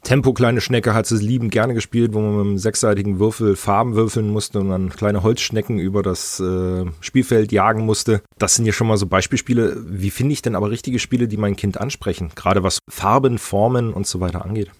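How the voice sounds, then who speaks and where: A man hosts a podcast in a casual, chatty way. His voice is on the low side and slightly stuffed up with a snotty nose, recorded close and dry. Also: steady tone, fairly quick, hardly any pauses, dry recording. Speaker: podcast host.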